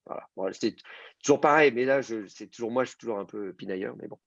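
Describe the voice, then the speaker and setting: A man's voice: medium pitch, quick pace, creaky, no room sound. Guy teaching a class online, lots of euh and restarts, dry lo-fi sound. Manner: explanatory, with many fillers and restarts. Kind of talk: online class on biblical Hebrew.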